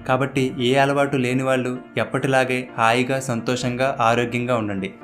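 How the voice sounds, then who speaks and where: A man's voice: mid-range voice, little pitch movement, moderate pace, fairly bright tone. A man giving scripted narration in a plain, advisory tone. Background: faint guitar music.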